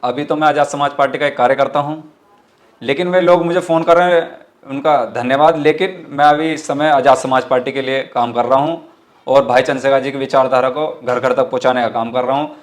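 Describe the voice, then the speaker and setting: This is a party activist giving interview answers full of political rhetoric, speaking with a western Uttar Pradesh accent. His voice is medium-pitched and steady in tone, his pace fairly quick, and he is earnest and emphatic, repeating his phrases often.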